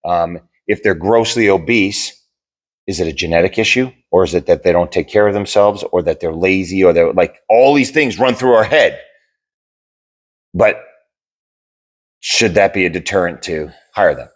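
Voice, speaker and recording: A man's voice: low-pitched, moderate pace. A man co-hosting a podcast in a casual debate chat, rambling and repeating words as he searches for them. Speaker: podcast co-host.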